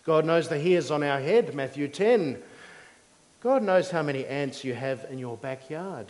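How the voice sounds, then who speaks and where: A man preaching a teaching sermon in a measured, didactic way, explaining things simply in short phrases. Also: a little high, animated, a little mellow. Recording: long hall reverb.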